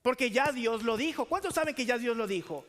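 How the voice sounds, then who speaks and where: A man's voice: very high voice, lively intonation, brisk, fairly bright tone, long reverb tail. A man preaching a sermon as pastor, asking the congregation questions and calling for answers.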